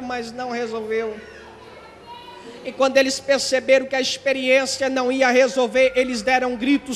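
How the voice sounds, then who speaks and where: High-voiced preacher in a reverberant hall. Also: male voice. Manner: impassioned, repetitive, often rising to shouts. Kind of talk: sermon.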